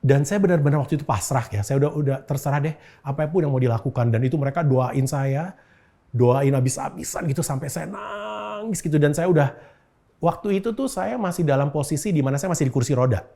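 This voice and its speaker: A man's voice: on the high side, lively intonation, fairly quick, creaky, mellow. A man, a guest in an interview, telling a personal story in casual chat, with frequent filler words. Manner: storytelling with frequent 'gitu' fillers and acted-out quotes.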